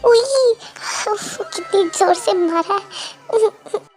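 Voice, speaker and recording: A woman's voice: very high voice, steady tone, moderate pace, background noise. A woman voicing a cheeky teenage younger brother who whines and pleads, in a fan-dub drama. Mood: pleading. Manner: pleading, playful, complaining.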